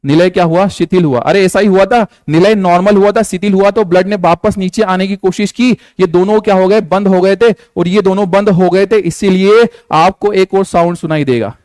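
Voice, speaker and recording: A man's voice: sits high, moderate pace, few pauses, darkish tone, dry recording. A man teaching a live online class, coaxing students with repeated questions and playful jokes.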